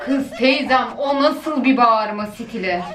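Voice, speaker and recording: A woman's voice: a little high, unhurried, distant mic, very noisy. A woman vlogger chatting expressively and laughing as she reacts to old TV clips. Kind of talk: casual reaction chat. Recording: echoey room, voice a bit off-mic.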